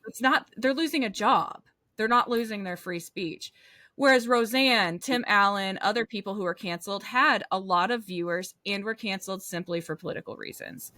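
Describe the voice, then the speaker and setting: A woman with a bright, forceful voice, recorded dry and close, hosting a podcast interview. She is animated and opinionated, often slipping into acted-out quotes of other people. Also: mid-range voice, moderate pace, dry recording. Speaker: podcast host.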